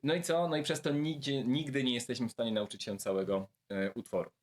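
A man giving a video lesson, speaking directly and warmly to his viewers and slowly repeating words to show how to pronounce them. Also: mid-range voice, steady tone. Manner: friendly, addresses viewers directly. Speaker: language teacher.

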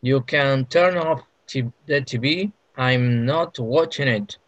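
A man, a student on a video call, haltingly repeating an English sentence. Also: mid-range voice, fairly bright tone, no echo. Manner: hesitant, halting. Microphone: computer mic on a video call. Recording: dull online call audio with faint noise.

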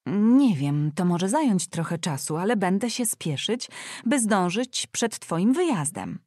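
A woman reading an audiobook voices a fussy, grumbling widowed aunt who exclaims and scolds loudly. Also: medium pitch, sing-song, unhurried, no room sound, clean studio sound.

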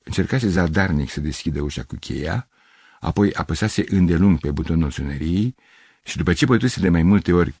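An older man narrating a literary audiobook in an expressive reading voice. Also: low-pitched, husky, no room sound, clean studio sound. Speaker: audiobook reader.

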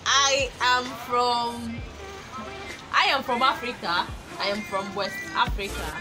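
A woman's voice: fairly high pitch, fairly even intonation, slow pace. A young Nigerian woman with a Nigerian accent, hosting her vlog in giggly casual chat. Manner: giggly, chatty. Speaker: YouTuber host. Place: small indoor room before a patterned cloth. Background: music.

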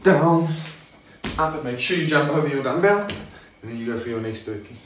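This is a young man's voice, a little on the high side, expressive and at a normal speed, as he coaches a workout demonstration. The fitness coach keeps things casual and instructional, calling viewers "guys," from his garage home gym. A camera a few metres away captures him, leaving an echoey, distant sound with faint noise.

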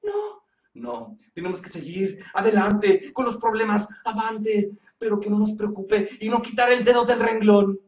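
A man voicing a calm male puppet sweetheart who reassures earnestly. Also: high-pitched, unhurried. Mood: soothing. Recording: roomy, distant, dull sound.

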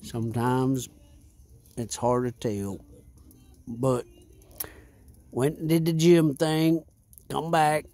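A man's voice: medium pitch, little pitch movement, slow, pauses often, warm tone, no echo. A man hosting a casual outdoor beer review by a fire, rambling and repeating himself in a laid-back way. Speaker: vlog host.

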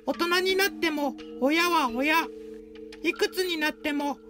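A woman's voice: sits high, measured pace. A woman voicing a cheerful cutesy mascot who narrates short stories and tacks a cute verbal tic onto every sentence. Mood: upbeat. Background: light background music.

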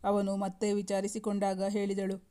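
A woman narrating a romantic family story in steady, even, scripted storytelling. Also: medium pitch, moderate pace.

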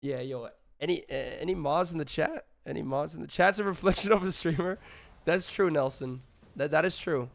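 A man streaming live with a sick, hoarse voice, chatting casually with his viewers in a rambling way. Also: on the high side, normal speed. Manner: rambling, filler-heavy, greets chat.

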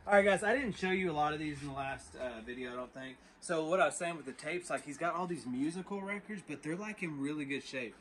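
A fast-talking Texan with a fairly high, slightly bright voice barely pauses as he narrates his storage unit reselling vlog to y'all, first at the outdoor unit and then in his truck. There's faint noise in the background.

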